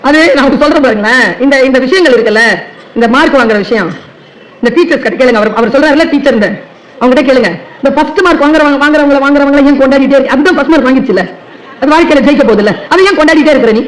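Woman teacher on stage, high voice, animated storyteller, hall echo. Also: very fast. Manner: lively storytelling, speaks straight to the crowd. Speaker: teacher giving a public talk. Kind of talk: public speech at a book fair. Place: large hall at a book fair.

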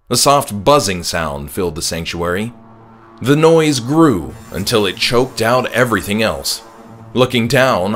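Scripted horror narration comes from the author himself, reading his audiobook dramatically as a first-person teller. He has a low-ish, a bit bright voice, and there's music in the background.

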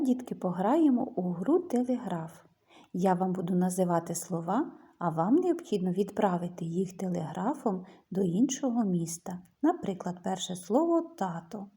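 A woman teacher speaks slowly to young children, stretching her words in a sing-song lilt. Her voice is mellow and soft, with a breathy, slightly husky edge. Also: a little high. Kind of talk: children's lesson.

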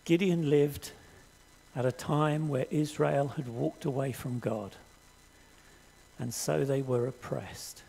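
Gravelly older man preaching a sermon. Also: mid-range voice, warm tone, rough recording. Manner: earnest, measured, reads scripture aloud. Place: church hall stage with audience.

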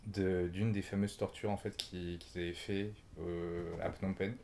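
A man hosting a podcast with a very deep, low voice. He tells his story in a hesitant, halting way, pausing often and filling the gaps with the same filler words. A faint noise hums behind him. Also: flat delivery, warm tone. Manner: hesitant storytelling, keeps saying "en fait". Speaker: podcast host. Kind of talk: casual conversation.

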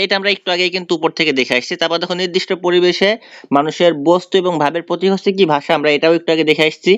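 A man's voice: on the high side, clear, resonant tone, no room sound. A young man teaching an exam-prep lesson, explaining step by step and repeating the key answers. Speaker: tutor. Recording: dry, slightly dull sound.

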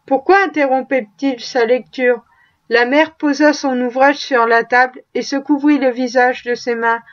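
A woman narrating a classic tale as an audiobook, with measured, expressive storytelling. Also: sits high, muffled recording.

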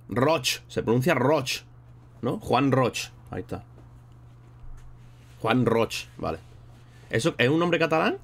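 A man streaming live, chatting casually and rambling in a slangy way while thanking viewers between thoughts. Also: mid-range voice. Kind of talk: casual livestream chat.

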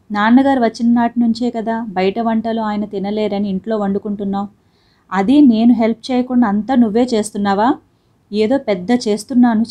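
A woman's voice: fairly high pitch, mellow, natural voice. A woman reading the part of a stubborn young husband who speaks reproachfully and firmly. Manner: sulky, reproachful and firm.

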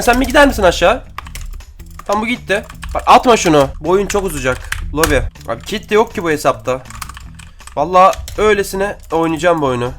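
A young man giving excitable, slangy gameplay commentary and chatting to his viewers as he plays. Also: high-pitched, slight background noise. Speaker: gaming YouTuber.

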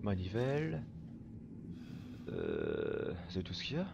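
A man giving casual gameplay commentary while he plays, swearing constantly and breaking into excited outbursts. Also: low voice, unhurried, vocal fry, muffled recording, noisy background. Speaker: let's play gamer.

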